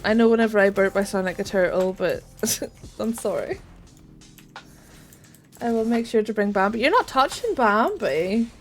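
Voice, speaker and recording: A young woman streaming a game, chatting casually, swearing freely and squealing when excited. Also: mid-range voice, moderate pace, pauses often, faint music behind. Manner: bubbly, swears freely, greets chat warmly. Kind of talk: casual gaming stream chat.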